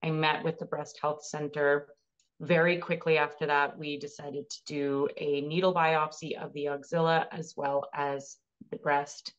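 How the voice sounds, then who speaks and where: Her voice sits low and the audio is dull. She's in her thirties, a cancer patient sharing her story in an interview, speaking earnestly and with feeling.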